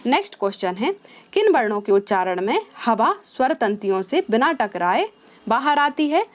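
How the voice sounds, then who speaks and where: A woman's voice: on the high side, big pitch swings, normal speed. A woman teaching an exam-prep lesson who mixes English words into her explanation. She asks her own questions and then answers them. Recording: slightly dull, lo-fi sound.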